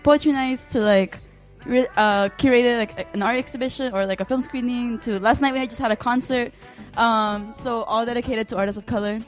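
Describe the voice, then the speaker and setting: A woman hosting a small radio show from a crowded art book fair, talking casually and a bit hesitantly. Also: fairly high pitch. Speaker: host.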